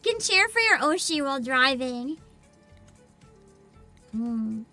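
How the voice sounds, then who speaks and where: Soft music plays behind a high-pitched woman streaming live, who speaks slowly yet reacts with giggly, bubbly excitement like an anime streamer. She keeps repeating her phrases as she chats.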